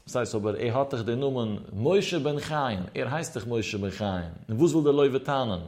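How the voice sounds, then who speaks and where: A man's voice: mid-range voice, animated, normal speed, a little mellow. Man chanting through a text lesson. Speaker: Talmud teacher. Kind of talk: religious text lecture.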